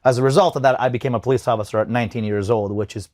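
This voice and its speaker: A man in his thirties from Bosnia talks through his story as a podcast guest. He speaks quickly and keeps restarting his sentences. His voice is mid-pitched, and the recording is dry and close. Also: fairly even intonation, a little mellow, no echo. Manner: fast, with many restarts and repeated words. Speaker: podcast guest, event company owner. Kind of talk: casual interview.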